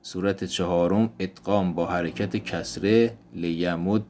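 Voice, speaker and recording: A man teaching an Arabic grammar lesson, explaining step by step and repeating each example word slowly. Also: deep voice, fairly even intonation, slight background noise. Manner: slow, deliberate explanation, repeating example words.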